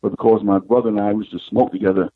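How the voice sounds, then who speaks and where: A middle-aged man with a husky, fairly low voice recounts his life as a psychic guest, unhurried and reflective. The sound is thin and tinny, like a phone line, and quite dry. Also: fairly even intonation, no room sound. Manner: unhurried, reflective, retells scenes with quoted dialogue. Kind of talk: personal storytelling in an interview.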